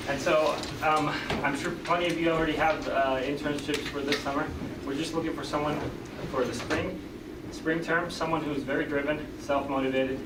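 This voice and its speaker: A man's voice: on the high side, fairly even intonation, normal speed. A young man from Finland, out of breath, giving an upbeat class announcement with many fillers. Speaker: student presenting to a class. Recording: roomy classroom audio from far off, loud background noise.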